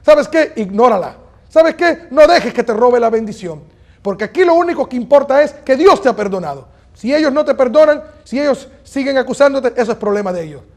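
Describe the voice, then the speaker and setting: High-voiced preacher with emphatic pacing. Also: male voice. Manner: earnest, emphatic, slows on key phrases, repeats for effect. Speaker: pastor. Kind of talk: sermon.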